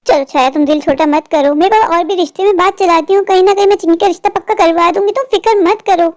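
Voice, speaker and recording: Matchmaker aunty, woman voicing: brisk, scolding, high and fast. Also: darkish tone. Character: bossy matchmaking aunty, blunt. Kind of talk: cartoon storytelling.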